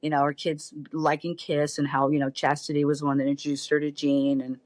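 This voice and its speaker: Animated woman telling a story. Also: sits low, fairly quick, dry recording. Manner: lively, animated storyteller who acts out quoted voices. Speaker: podcast guest. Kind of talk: casual storytelling.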